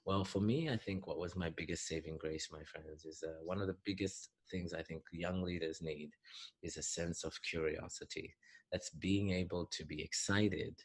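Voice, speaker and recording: Middle-aged Zambian-born business coach, very low and even delivery, earnest mentor tone, dry close mic. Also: male voice, moderate pace, breathy edge, no echo. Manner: earnest, advice-giving, thinks aloud with fillers. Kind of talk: recorded advice talk for a youth summit.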